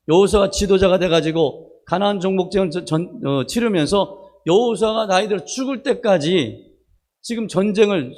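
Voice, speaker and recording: A man, a pastor preaching a sermon in a chatty way, telling personal stories and asking the congregation for an amen. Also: high-pitched. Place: church worship service.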